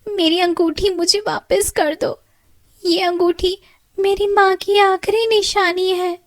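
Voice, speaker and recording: A woman voicing a gentle, mistreated young girl in a cartoon story, speaking meekly and tearfully. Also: high-pitched, slow, dry recording, pitched above the performer's own voice. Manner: meek, tearful, pleading.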